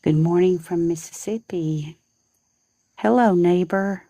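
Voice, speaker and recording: A woman, softly chatting with viewers on a live stream from her porch. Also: lowish voice, slow pace, dry recording. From Southern United States. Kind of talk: casual chat on a live stream. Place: outdoors on a home porch at dawn.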